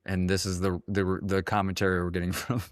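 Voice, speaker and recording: A man's voice: sits low, completely flat delivery, a little fast, no room sound, studio quality. A man co-hosting a sports podcast in casual chat, laid-back and prone to restarts. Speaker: podcast co-host.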